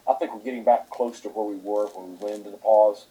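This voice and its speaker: Brief: male head coach at a press conference, low husky voice, halting with lots of fillers. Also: fairly even intonation, warm tone, rough recording.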